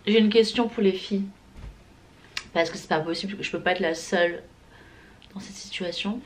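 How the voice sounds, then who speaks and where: A young woman vlogs casually to camera in a slangy, emphatic style, dropping in English phrases. Her voice is on the low side and she talks at a normal speed. The audio, from a handheld camera or phone, is clearly noisy everyday vlog sound.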